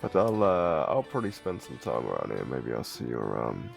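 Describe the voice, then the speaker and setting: A man's voice: a bass voice, big pitch swings, fairly quick, vocal fry, faint music behind, heavily acted. A man playing a polite, laid-back, slightly weary western drifter with a hesitant, courteous manner in an improvised role-play. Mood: courteous, easygoing.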